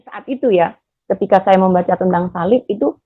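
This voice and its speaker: A middle-aged woman from Indonesia giving a personal testimony, speaking hesitantly with many fillers and restarts, her voice rising high when she recalls strong feelings. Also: brisk, breathy edge, no echo, narrow, tinny audio.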